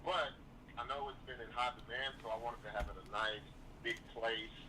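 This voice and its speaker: A man's voice: medium pitch, steady tone, moderate pace, distant mic, a crowd in the background, rough recording. A man calling in to a live show, easygoing and promoting an event. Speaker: caller, comedian. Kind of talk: casual phone-in chat.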